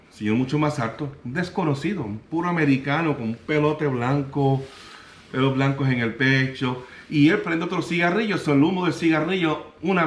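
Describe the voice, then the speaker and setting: Animated Puerto Rican man telling a story. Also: on the high side. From Puerto Rico. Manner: animated, acts out the other people's lines in his story. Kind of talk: casual personal storytelling. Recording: roomy echo.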